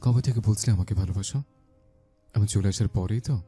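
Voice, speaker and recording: A man voicing a confident young husband who speaks softly and intimately in a romantic audio story. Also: fairly low pitch, a little fast, breathy edge, soft background music. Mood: tender, teasing.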